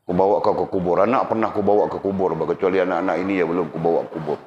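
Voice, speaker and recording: Deep-voiced religious teacher. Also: male voice, very fast. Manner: teasing, animated, addresses audience directly. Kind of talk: religious lecture with Q&A. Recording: roomy, dull lo-fi, faint background noise.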